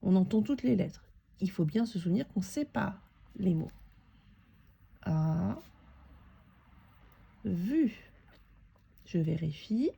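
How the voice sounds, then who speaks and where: A woman teacher narrating a handwriting lesson for young children, talking it through slowly and spelling out each letter and sound. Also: mid-range voice, creaky, dark tone, slightly rough.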